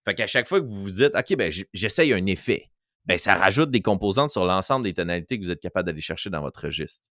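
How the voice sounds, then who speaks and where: A man's voice: low voice, animated, fast talker, fairly bright tone, no echo, clean studio sound. A man with a Quebec French accent, a game master chatting on a podcast and demonstrating voices as he explains. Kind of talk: casual podcast chat.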